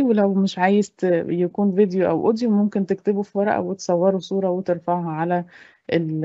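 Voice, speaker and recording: A woman with an Egyptian accent teaching a primary school English lesson, explaining in Arabic and slowly sounding out English words while praising her pupils. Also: medium pitch, dark tone, no echo, dull audio. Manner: praising, encouraging.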